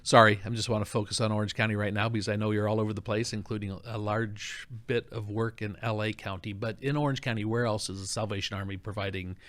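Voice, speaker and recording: A man's voice: on the low side, flat delivery, fast, few pauses, a bit bright. A man hosting an interview in a conversational style, with informal, wordy recaps leading into his questions. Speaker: interviewer, show host.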